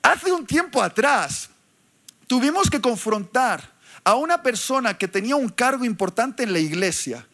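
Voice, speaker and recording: A male preacher delivers a fiery sermon. His voice sits very high and carries a gravelly edge, and he swings between quick explanation and slow shouted emphasis. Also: sing-song. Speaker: pastor.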